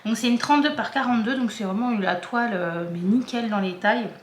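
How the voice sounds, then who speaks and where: A woman's voice: on the high side, brisk, echoey room, a little hiss or hum. A woman vlogger chatting casually and hesitantly, with many fillers and restarts. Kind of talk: casual chat.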